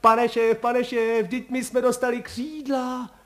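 A man voicing an excitable, bashful young male chauffeur who exclaims in a high, jumpy voice. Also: close to an everyday voice. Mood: thrilled. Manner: breathless exclaiming, pitch jumps high.

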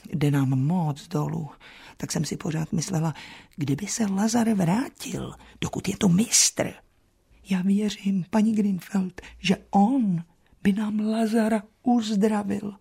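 An actress playing a put-upon old spinster housekeeper who grumbles dryly in a chatty radio play. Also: female voice, medium pitch, gravelly, breathy edge. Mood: worried. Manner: dry, chatty complaining with soft asides.

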